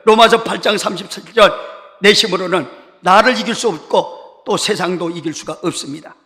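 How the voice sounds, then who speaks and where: A male pastor exhorts his congregation with emphatic, repeated phrases. His voice is high and bright. It carries through a sanctuary with long reverb. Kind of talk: sermon. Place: church sanctuary. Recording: reverberant church hall.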